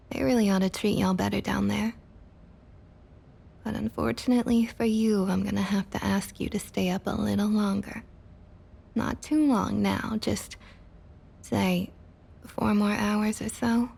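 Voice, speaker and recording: Fully in character, a woman with a mid-range voice plays a domineering vampire councilwoman who is centuries old and coolly possessive. It's scripted, intimate ASMR roleplay delivered in a Southern US drawl. Her voice is husky, breathy and often half-whispered, condescending and quietly threatening.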